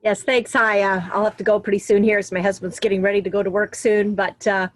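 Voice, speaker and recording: A woman's voice: mid-range voice, little pitch movement, fast. A woman joining an online group discussion, chatting casually with many fillers. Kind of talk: casual chat on a video call.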